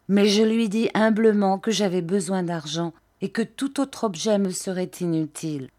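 Slow, measured woman narrator. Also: mid-range voice, darkish tone. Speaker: audiobook reader. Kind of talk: audiobook narration.

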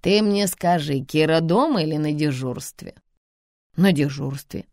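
A woman voicing a bossy, sharp-tongued old grandmother, sarcastic and scolding in an audiobook reading. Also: low-pitched, measured pace, no echo, studio quality. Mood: chatty.

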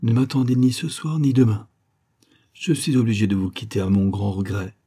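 A gallant, carefree hunter in an audiobook, smooth-talking and resolute, as a male narrator plays him. His low voice is mellow and slightly husky. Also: lively intonation, normal speed.

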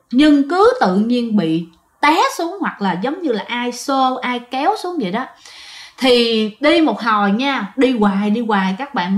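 A woman's voice: high voice, a bit bright, reverberant. A woman narrating a ghost story in a chatty way, often speaking straight to her listeners. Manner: chatty, addresses listeners directly.

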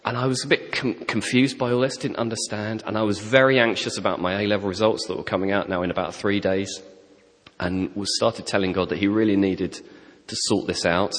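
A middle-aged man preaching a personal testimony, telling his story with animated, self-deprecating humour. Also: low-pitched. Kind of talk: sermon testimony. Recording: long hall reverb.

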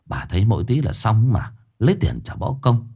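A man voicing a stern young male exorcist, low, cold and threatening. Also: sing-song, normal speed, dark tone, slightly rough, heavily acted. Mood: calm.

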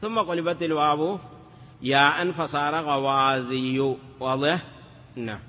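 In this classroom lesson on Arabic morphology, a man chants word forms and asks rhetorical questions at a measured pace. His tone is steady, pushed and bright, and sits on the high side. Dull lo-fi audio with long reverb.

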